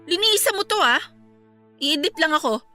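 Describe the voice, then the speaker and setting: A woman's voice: very high-pitched, animated, moderate pace, sharp tone, faint music behind, full character voice. A woman playing a cruel, haughty employer who scolds with contempt in a radio drama. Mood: scornful.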